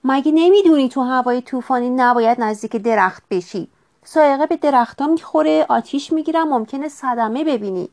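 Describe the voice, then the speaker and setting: A woman voicing a worried mother fox who calls out and scolds loudly. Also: high-pitched, voice pushed up. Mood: scolding. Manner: loud, calling and scolding.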